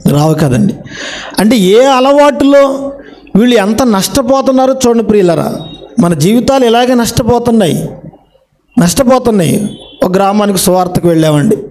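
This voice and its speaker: Middle-aged pastor, sermon in church, high voice with a mellow dark tone, keeps firing questions at the congregation. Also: male voice, moderate pace, long pauses. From India. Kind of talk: Telugu sermon.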